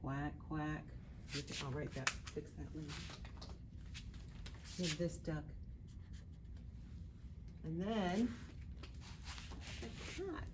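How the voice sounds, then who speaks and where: A woman teaching an online lesson for young children, talking gently and asking simple questions as she draws. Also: deep voice, animated, background noise. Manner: gentle, slow, questioning while drawing.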